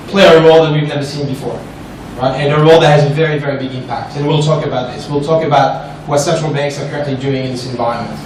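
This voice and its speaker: This French presenter, an investment specialist with a slightly high voice, leads a seminar in a big reverberant hall full of listeners. He's animated, quizzes the audience, and often checks in with "right?", all picked up from a distance with a faint hiss or hum.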